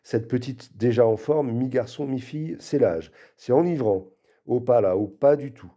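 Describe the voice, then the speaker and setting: Very dark-voiced male reader. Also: mid-range voice, normal speed. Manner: expressive reading, acting out quoted lines. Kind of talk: literary reading.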